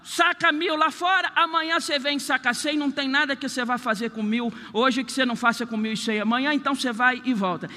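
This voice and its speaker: A woman's voice: high voice, quick pace, few pauses, bright, forceful tone, in a large hall. A man putting on a curt, stubborn bank teller woman. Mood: curt refusing.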